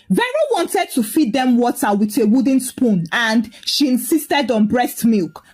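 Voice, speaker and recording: A woman narrating a comic family folk tale in a lively storytelling manner. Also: high voice.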